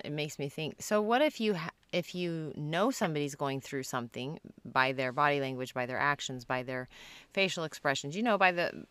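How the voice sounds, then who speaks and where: A woman's voice: sits low, a bit bright, clean tone, dry recording. A woman co-hosting a casual podcast, thoughtfully asking questions. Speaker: podcast co-host.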